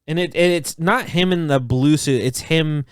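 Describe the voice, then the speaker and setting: A man co-hosts a podcast, hurrying through the week's news with eager enthusiasm. His voice is smooth and clear, recorded dry and close with no room sound. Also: a little high, no room sound. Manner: excited, fast-moving news rundown. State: has the hiccups. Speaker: podcast co-host. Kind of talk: casual chat.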